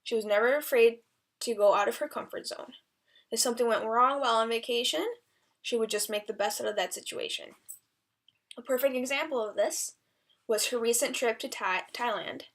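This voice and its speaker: Woman, fairly high voice, prepared eulogy speech, earnest, deliberate delivery, occasional stumbles. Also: a bit bright. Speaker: eulogy speaker, friend of the deceased.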